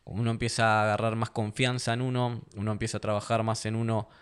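A man's voice: fairly low pitch, flat delivery, fast talker, smooth. A young man from Argentina with an Argentine accent, telling stories as a fighter guest in a casual interview, laughing often and acting out quotes in a raised voice. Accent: Argentine Spanish.

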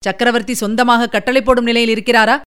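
Hot-headed young commander guy, read by a woman, fast heated questions, smooth higher voice. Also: steady tone, a bit bright, natural voice. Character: fiery, impatient young male army commander.

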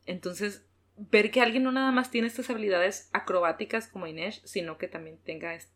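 A woman co-hosting a casual book discussion, animated and self-mocking with quick laughs. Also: medium pitch. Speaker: book podcast co-host.

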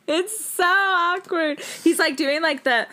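A woman co-hosting a podcast in a casual, animated chat, laughing often and acting out what people said. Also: extremely high pitch. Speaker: podcast co-host.

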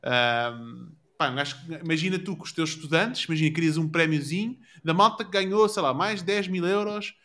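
A man's voice: fairly high pitch, a little fast, a bit bright. A man with a European Portuguese accent chatting casually, using plenty of slang and swearing freely. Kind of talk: casual chat.

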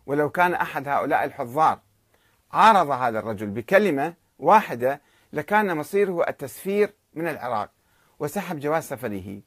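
Male narrator; expressive dramatic reader, somewhat high voice, very lively intonation. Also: a little fast, dry recording, clean studio sound. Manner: expressive, swinging between hushed and loud. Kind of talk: dramatic reading of a historical memoir.

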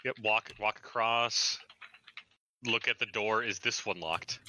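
A man's voice: fairly low pitch, a little slow, sharp tone. A man playing a tabletop game with friends online, joking and playing innocent. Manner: jokey, plays innocent. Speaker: player. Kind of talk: casual chat during a tabletop game.

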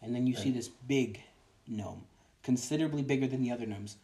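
Man, game master, narrating a tabletop game, animated, mid pitch. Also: fast talker.

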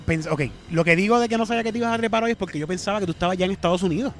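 A man with a Puerto Rican accent hosting a casual chat, excitable and joking, swearing freely. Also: high voice, very fast, faint music behind. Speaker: host.

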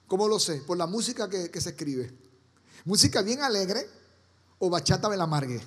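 A man's voice: sits high, lively intonation, moderate pace, husky. A man preaching a sermon as pastor, firing rhetorical questions at the congregation. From Caribbean. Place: church. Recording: reverberant church hall.

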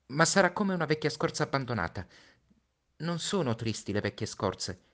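A man's voice: mid-range voice, sing-song, moderate pace, fairly bright tone, voice pushed up. Piccolo Principe, a pleading little boy done by a man. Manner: raised, pleading childlike voice. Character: the Little Prince, a gentle, earnest small boy.

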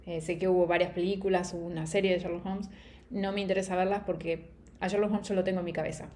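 Young woman doing a book vlog, kinda low voice, chatty, laughs a lot, faint hiss behind. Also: level tone, fast talker, warm tone. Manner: chatty, opinionated, laughs easily. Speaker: book reviewer. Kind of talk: casual book review vlog.

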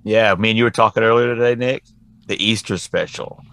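A man's voice: lowish voice, fairly even intonation, fairly quick, fairly bright tone. A man co-hosting a podcast, teasing the others in casual chat.

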